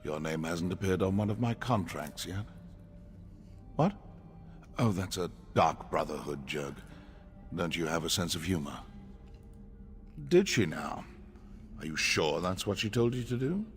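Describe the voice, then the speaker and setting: A man's voice: deep voice, lively intonation, measured pace, pauses often. An actor playing a stern, condescending male assassin trainer, dry and impatient, in video game dialogue. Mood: sardonic. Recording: game audio with faint music.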